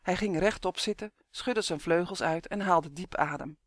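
A narrator tells a children's fantasy tale in a steady, measured storytelling voice. The pitch sits in a middle range. The recording is dry and close, with no room sound. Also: no echo. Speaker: audiobook narrator.

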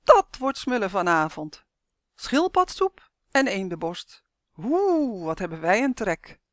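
A woman's voice: mid-range voice, big pitch swings, slow, no room sound, clean studio sound. Woman doing a jeering crowd of kids. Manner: jeering chant. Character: rowdy hungry pack of children.

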